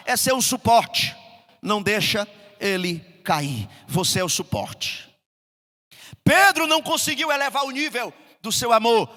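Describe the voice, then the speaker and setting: A middle-aged Brazilian man preaching a sermon as pastor, swinging between loud emphasis and soft asides. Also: high-pitched. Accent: Brazilian Portuguese. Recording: reverberant hall.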